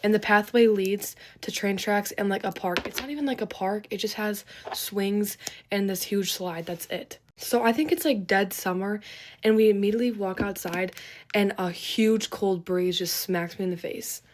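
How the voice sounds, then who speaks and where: A woman's voice: mid-range voice, fairly even intonation, moderate pace, slight background noise. A woman telling a casual storytime in a chatty, rambling way with lots of fillers.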